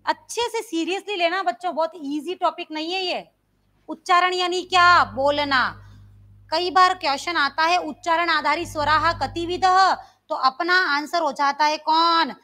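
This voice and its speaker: Running a live online Sanskrit grammar lesson, this teacher from India keeps asking her students the same questions and shows them how loud and soft sounds differ. She has a very high voice with fairly even intonation and a normal pace.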